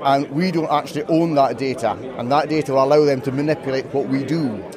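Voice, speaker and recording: A man with a Scottish accent, a farmer and branch chairman, speaking in a measured, deliberate way. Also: mid-range voice, fairly even intonation. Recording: crowd chatter behind.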